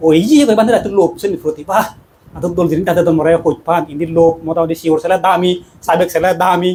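A man, a Buddhist monk, giving a dhamma talk in a quick, conversational preaching manner with laughs. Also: sits high, fairly even intonation, a little mellow, a little hiss or hum.

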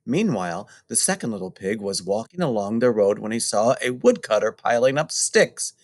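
Animated man reading a children's storybook. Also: fairly low pitch, normal speed, no room sound, studio quality. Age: middle-aged. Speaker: storybook reader. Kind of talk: expressive children's story narration.

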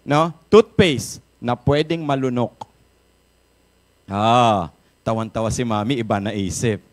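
A man with a Filipino accent and a slightly high voice works a live audience. He pitches products with lots of energy, jokes along the way and keeps throwing questions at the crowd. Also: fairly bright tone. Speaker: product seminar speaker. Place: event room with a live audience.

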